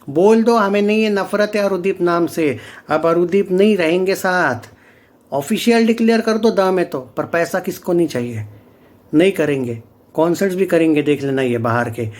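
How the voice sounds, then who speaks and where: A young man giving blunt, argumentative opinions to his viewers in a casual vlog. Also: high-pitched. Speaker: YouTube reviewer.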